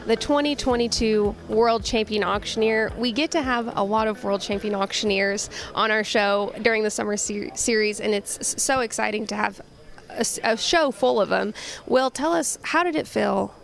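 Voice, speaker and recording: Creaky-voiced American woman hosting. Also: medium pitch, moderate pace. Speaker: show host. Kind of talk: broadcast interviewing.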